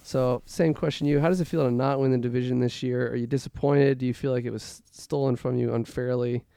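A man's voice: medium pitch, fairly even intonation, fast talker, vocal fry, mellow, clear, resonant tone, no room sound, studio quality. A man hosting a casual sports talk, asking questions and bantering in a hesitant, wry, teasing manner. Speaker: host of a fantasy football league podcast.

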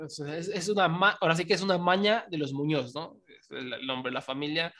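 A man's voice: on the high side, fairly even intonation, a little fast, bright, forceful tone. A man co-hosting a wrestling podcast, giving opinionated analysis in casual chat and often ending phrases with a questioning tag.

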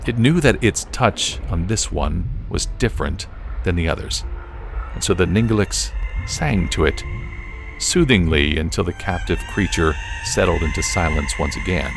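Man, audiobook narrator, very deep voice, gravelly, slow and measured, faint music. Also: animated. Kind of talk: scripted narration.

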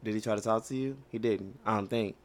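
A man's voice: lowish voice, fairly even intonation, fast talker. A young man co-hosting a casual podcast, talking bluntly and passionately with plenty of swearing. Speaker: podcast co-host.

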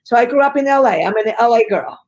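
A woman's voice: on the high side, expressive, fast, a little mellow, muffled recording. A woman from Chile, a guest in an interview, telling her life story in an earnest, emphatic way with frequent fillers. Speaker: guest, business educator.

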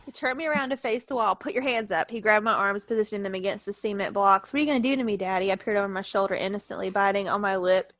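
A woman's voice: mid-range voice, steady tone, fast talker, few pauses, a bit bright, dry recording. A woman reading fan fiction aloud on a podcast, giggling and breaking off in embarrassment. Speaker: podcast co-host.

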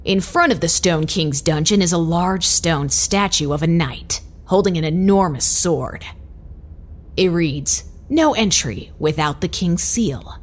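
A woman's voice: on the low side, a little slow, rough recording. A woman playing a game master in an audio drama, narrating theatrically with flustered asides.

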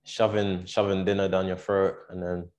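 A man with a fairly low voice hosts a casual podcast conversation. He sounds laid-back and uses plenty of everyday slang. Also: level tone, moderate pace, darkish tone, muffled recording. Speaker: podcast host, former academy footballer. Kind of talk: casual interview chat.

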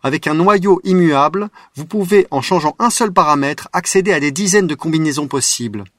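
A man hosting a radio show, narrating a scripted talk with a measured, wry delivery. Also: a little high, fairly bright tone, no echo, studio quality.

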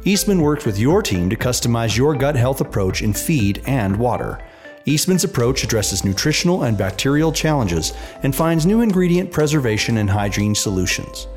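A man's voice: medium pitch, big pitch swings, normal speed. A man reading a polished, upbeat scripted promo as the show's announcer. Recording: soft guitar music underneath.

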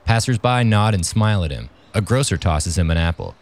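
Low-voiced man narrating a script, lively. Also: brisk. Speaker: podcast host, narrator.

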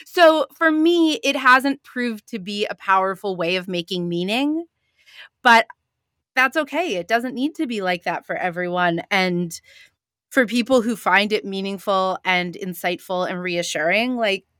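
A woman's voice: medium pitch, unhurried, a bit bright, dry recording, clean studio sound. A woman chatting casually as a podcast guest, with a wry, giggly manner. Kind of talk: casual interview chat.

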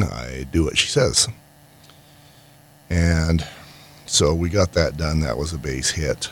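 A middle-aged man giving a casual, rambling monologue in a halting, reflective way, often trailing into pauses. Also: extremely low pitch. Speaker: solo podcast host and small business owner. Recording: clear background ambient noise.

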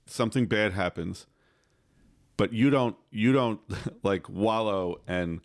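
Man, podcast host, lowish voice, casual chat, short agreeing interjections. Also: slow pace.

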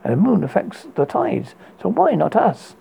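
A man in the manner of a horror host voicing a skeptical, teasing young male student in a horror story, speaking haltingly. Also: high voice, wildly swooping pitch, gravelly, warm tone, slight background noise, full character voice. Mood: joking.

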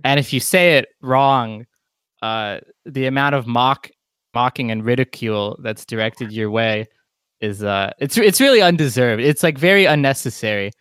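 Smooth-voiced man telling a wry story. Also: medium pitch, normal speed, fairly bright tone, dry recording. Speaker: podcast co-host. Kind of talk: casual chat.

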